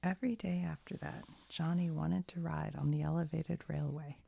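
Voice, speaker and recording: A woman softly reading a bedtime story in ASMR style, with a deep, hushed, breathy half-whisper and a gentle storybook manner. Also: fairly even intonation, moderate pace, no room sound.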